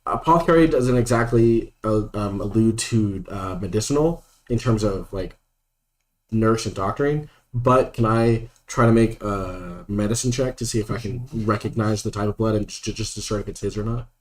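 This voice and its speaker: A man's voice: on the low side, normal speed. A man playing a tabletop role-playing game, talking casually in a rambling way with lots of restarts. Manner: rambling, full of fillers and restarts.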